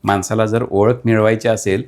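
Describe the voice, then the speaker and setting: A man's voice: fairly low pitch, flat delivery, moderate pace, a little mellow. A middle-aged man, a poet and guest, reciting his poems with declamatory rhythm and repeated lines, then chatting. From Maharashtra. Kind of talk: poetry recitation and chat.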